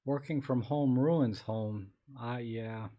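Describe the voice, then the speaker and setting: On a casual live-streamed photography Q&A, a man reads viewer comments aloud and answers slowly in a medium-pitched voice. His replies ramble easily with many restarts, and his voice is a little scratchy today.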